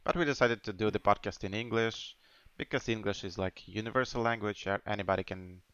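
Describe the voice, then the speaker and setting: A man's voice: on the low side, a little fast, a bit bright, clear, resonant tone, no echo, dull audio. A man in his twenties from Ukraine, in English, hosting a casual podcast chat. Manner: chatty, nonnative English with restarts. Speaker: podcast host.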